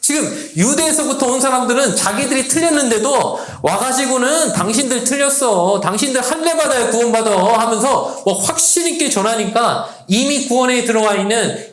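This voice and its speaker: A man pastor preaching a sermon to a youth service, lively, acting out the voices he quotes. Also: very high voice, echoey room. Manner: animated, acts out quoted voices. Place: church sanctuary.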